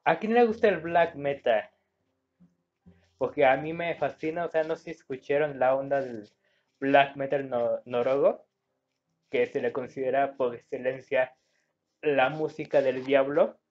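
Slow-talking Mexican man, lo-fi phone audio. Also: mid-range voice. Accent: Mexican Spanish. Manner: rambling, searches for words, reads game words aloud. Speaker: gameplay commentator. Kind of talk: casual gameplay commentary. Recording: dull lo-fi phone recording.

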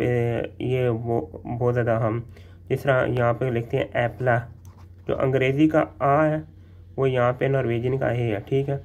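A man teaching letter sounds in a casual spoken lesson, repeating each sound slowly and often checking in with the listener. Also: mid-range voice, a little mellow. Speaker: language teacher.

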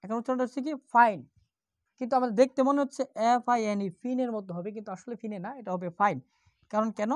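A woman's voice: a little high, rapid-fire, dry recording. A woman teaching English pronunciation in a lesson. She spells out words letter by letter and asks questions that she answers herself. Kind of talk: spoken language lesson.

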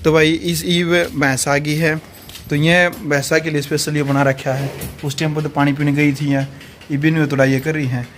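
A young man with a Haryanvi accent talks casually as he gives a vlog house tour. His voice is quite high, and he laughs often and points things out to the camera. There is faint outdoor ambience behind him. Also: level tone, normal speed, slight background noise. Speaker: vlogger giving a house tour. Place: rural house and courtyard, outdoors and indoors. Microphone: handheld phone mic.

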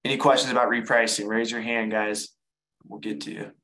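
His voice sits on the low side, brisk, bright and forceful yet flat in delivery, captured in a rough recording. Hosting a live online selling webinar, he explains casually, frequently restarting phrases, repeating words, and answering viewers' questions.

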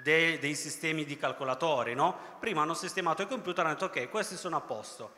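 A man's voice: a little high, quick pace, bright, forceful tone, slight background noise. A young man preaching a sermon in a chatty way, often checking in with his listeners. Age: young adult. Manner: conversational preaching, tag questions like "no?" and "ok?". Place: large theatre hall. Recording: echoey hall reverb.

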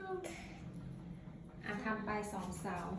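A woman chatting casually as a mother in a home vlog, encouraging her young children with frequent exclamations and polite phrasing. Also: takes it slowly. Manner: encouraging, exclaiming, uses polite feminine particles. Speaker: mother filming her young children as they help cook. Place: indoors at home. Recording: echoey room with clear background noise.

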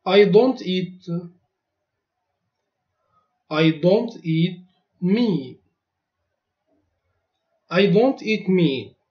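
A man teaching a language lesson, saying each short phrase twice in a clear, deliberate drill. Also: sits high, expressive. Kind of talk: slow repeated phrase drill. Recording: dull lo-fi recording.

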